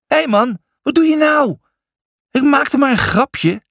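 A show-off hoofed prankster brother from a storybook, as voiced by a man. He sounds brash and boastful in a high, lively voice. There is a gravelly, husky grain to it. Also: moderate pace, dry recording, studio quality, full character voice. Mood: cheeky.

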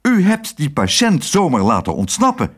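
A man's voice: medium pitch, sing-song, moderate pace, husky. A man playing a stern scolding director. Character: stern angry male care home director.

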